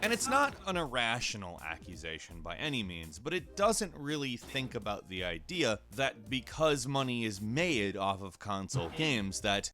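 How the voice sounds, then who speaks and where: A man's voice: mid-range voice, big pitch swings, moderate pace, few pauses, bright, forceful tone. A man narrating an argumentative video essay in an articulate, reasoned way. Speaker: video commentator. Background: music.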